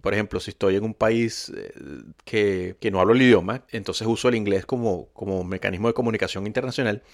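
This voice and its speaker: A man living abroad, telling stories in a relaxed, casual conversation. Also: fairly low pitch, fairly quick. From Venezuela. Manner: relaxed storytelling, asks partner's view.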